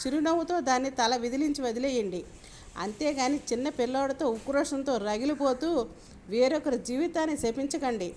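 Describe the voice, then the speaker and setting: Brief: woman voicing idealistic young hero, lecturing, high voice. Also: darkish tone, a little hiss or hum, lightly acted. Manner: earnest, lecturing. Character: idealistic young man, earnest and preachy.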